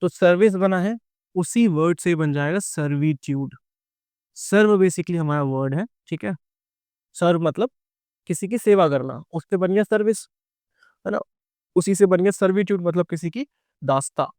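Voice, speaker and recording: A man's voice: high-pitched, normal speed, long pauses, darkish tone, smooth, dry recording, studio quality. A middle-aged man with an Indian English accent gives an exam-prep grammar lecture. He explains patiently, keeps checking in with his students, and asks them questions that he then answers himself.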